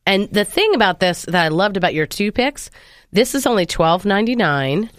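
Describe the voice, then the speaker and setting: A woman's voice: medium pitch, very animated, normal speed, no echo, clean studio sound. A woman hosting a wine segment in casual chat, upbeat and explaining plainly, a little congested from sinus trouble. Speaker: wine show host.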